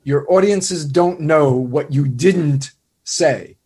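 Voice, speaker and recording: A man hosting a nonprofit radio show, chatting with a guest in an animated way and tossing in quick mocking asides. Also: fairly high pitch, husky. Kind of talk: casual interview conversation.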